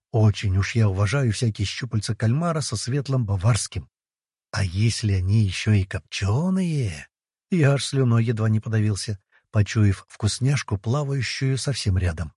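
A husky male voice reads a fantasy novel in the first person, his pitch bouncing animatedly from line to line. He delivers the jokes in a wry, playful way. The dry, close recording carries no room sound at all. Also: darkish tone, no room sound. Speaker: audiobook narrator.

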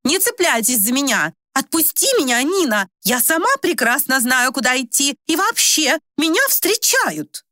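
Woman playing a shrill imperious old lady. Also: big pitch swings, slow pace, few pauses, a bit bright, no echo, studio quality, full character voice. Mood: imperious, indignant. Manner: high, commanding, angry.

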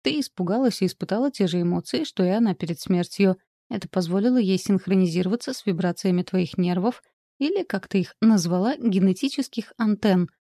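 A woman voicing a calm, stern aristocratic count who explains things in a measured way. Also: medium pitch, no echo, clean studio sound, natural voice.

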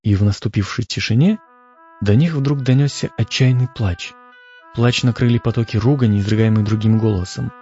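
A man reading an audiobook aloud in a measured, expressive way. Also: fairly low pitch. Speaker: audiobook reader. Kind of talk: audiobook narration. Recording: dull lo-fi audio with music.

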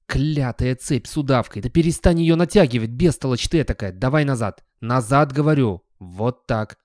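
A man voicing a grumpy, scruffy old male talking dog with a hoarse, grumbling voice in an audiobook. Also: medium pitch, a little fast, dark tone, no echo, studio quality, pitched above the performer's own voice, lightly acted. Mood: scolding.

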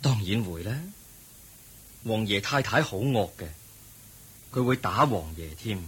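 The Buddha, husky and calm. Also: male voice, lowish voice, exaggerated voice. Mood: calm counsel. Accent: Hong Kong Cantonese. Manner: gentle, measured, preaching. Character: the Buddha, a calm, wise, compassionate male teacher. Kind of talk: radio drama acting.

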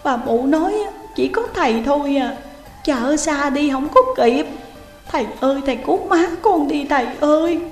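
A woman's voice: high voice, animated, a little fast, darkish tone, pitched above the performer's own voice. A woman voicing a small frightened girl, begging breathlessly and sobbing. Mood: pleading, tearful. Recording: roomy reverberant room, faint music.

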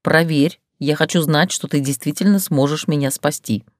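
A woman reading an audiobook, voicing a frightened young heroine in a high, tearful, pleading voice. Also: moderate pace, no echo, studio quality, close to an everyday voice.

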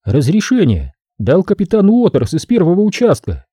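A man's voice: high-pitched, huge pitch swings, dark tone, slightly rough, no echo, studio quality, pitched above the performer's own voice, full character voice. A male audiobook reader voicing a chatty, cheerfully pushy female evidence-collection worker. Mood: chipper. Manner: brisk, talkative, cheerfully pushy. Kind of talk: audiobook character voice.

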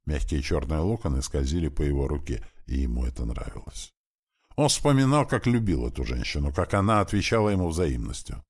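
A man narrating a fantasy novel in a dramatic, expressive audiobook reading. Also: extremely low pitch, a little fast, husky.

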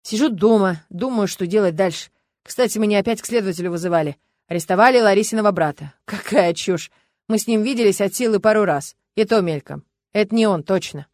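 A woman reading an audiobook, voicing a gloomy, bitter middle-aged man who bursts out loudly and sardonically. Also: mid-range voice, brisk, dry recording, studio quality, lightly acted. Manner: agitated, loud, sardonic outbursts.

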